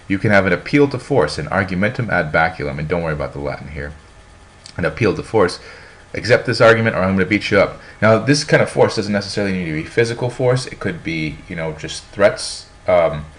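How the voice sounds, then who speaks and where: Low-voiced casual male lecturer. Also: fairly bright tone. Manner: casual, rambling, frequent fillers and restarts. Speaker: teacher. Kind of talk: informal classroom lecture.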